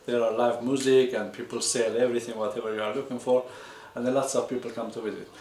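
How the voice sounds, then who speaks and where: A man from Iran co-hosts a relaxed conversation about living abroad. He talks in a playful, animated way, full of fillers and restarts, at an average pitch, and his voice rings in a roomy, echoey space. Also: quick pace, a little hiss or hum. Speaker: co-host. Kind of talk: casual chat.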